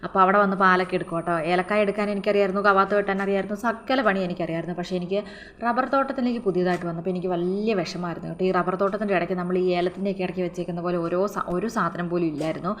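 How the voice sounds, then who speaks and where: A woman from the Kerala highlands telling a personal story to her viewers in a rambling, casual way. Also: steady tone, racing, fairly bright tone, a little hiss or hum. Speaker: vlogger. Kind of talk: storytelling narration.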